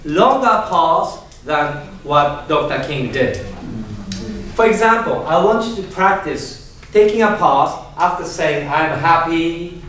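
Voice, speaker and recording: A man with a somewhat bright, high voice and lively intonation teaches a speech class in an unhurried way, frequently laughing and asking questions. The recording is distant, echoey, and carries classroom noise.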